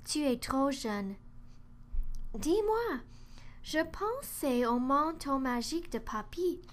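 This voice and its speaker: A woman voicing a kind, wise grandmother in a storybook reading, gentle and coaxing. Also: high voice, lively intonation, takes it slowly.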